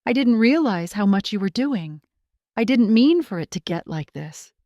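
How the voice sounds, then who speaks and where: A woman's voice: mid-range voice, animated, normal speed, warm tone, dry recording, clean studio sound, lightly acted. Storybook: tired grown daughter, strained and pleading, read by a woman narrator, no room sound. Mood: apologetic. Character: weary adult daughter pleading with mother.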